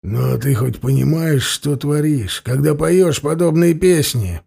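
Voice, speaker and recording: A man's voice: a little high, creaky, slightly rough, exaggerated voice. A man doing a cold, menacing warrior. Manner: quiet, even and unhurried.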